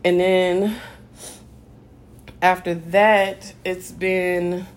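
A woman's voice: on the low side, level tone, drawn-out words. A woman co-hosting a podcast in a laid-back casual chat, joking and swearing freely. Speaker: podcast co-host.

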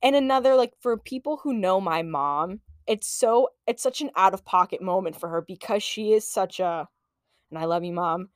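A woman in her late twenties hosting a podcast, telling a personal story in a casual, animated, profane way and laughing often. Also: medium pitch, moderate pace, dry recording, studio quality. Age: late 20s. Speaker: podcast host.

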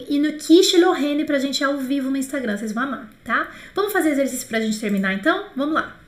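A woman with a Brazilian Portuguese accent teaches a live online French lesson in a chatty, lively way, slowly repeating phrases so her students can drill them. Her voice is high, and the room is echoey.

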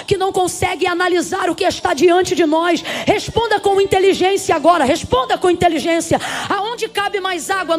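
A woman preaches with a very high, bright voice. She moves from hushed, drawn-out lines to ringing, fervent cries, calling out to the congregation. Soft music plays faintly underneath. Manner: impassioned, swings from soft to shouting, addresses congregation. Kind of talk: sermon.

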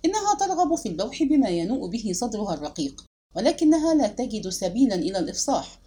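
A woman narrating a literary audiobook with expressive, dramatic storytelling. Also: on the high side, fast, husky.

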